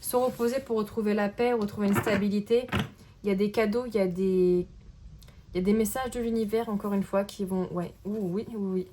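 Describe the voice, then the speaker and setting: A woman giving a casual tarot card reading to camera, in a gentle, searching way that keeps checking in with the listener. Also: medium pitch, steady tone, a little fast, a little hiss or hum.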